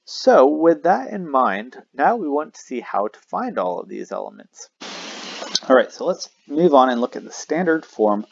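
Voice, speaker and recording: A man's voice: mid-range voice, big pitch swings, normal speed, creaky, background noise. A man teaching a math lesson, explaining casually, correcting himself with frequent "uh" fillers as he draws. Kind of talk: recorded math lesson at a whiteboard. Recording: dry, slightly dull lo-fi mic.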